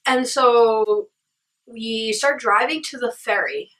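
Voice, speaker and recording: A young woman casually telling a story in a puzzled, rambling way, as if piecing together a dream, with animated quoted asides. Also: a little high, takes it slowly, recorded from a distance, poor audio. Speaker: vlogger recounting a dream.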